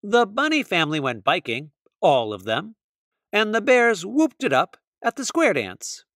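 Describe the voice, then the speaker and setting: A man reading a children's picture book aloud, slow and expressive. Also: high voice, dry recording, studio quality. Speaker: storybook reader. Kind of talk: children's read-aloud narration.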